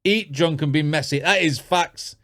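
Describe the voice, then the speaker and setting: A man's voice: fairly high pitch, moderate pace, a bit bright. A man hosting a reaction video, laughing and swearing bluntly as he comments.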